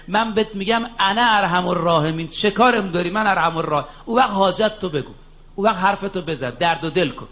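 A man giving a sermon, earnest, telling stories and asking rhetorical questions. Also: fairly high pitch. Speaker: preacher. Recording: dull lo-fi recording.

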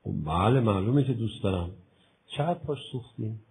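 Gravelly-voiced man preaching with passion. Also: lowish voice, animated, a little hiss or hum, rough recording. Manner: acts out both sides of imagined dialogues with listeners; swings from soft murmur to loud impassioned exclamation. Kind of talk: religious sermon.

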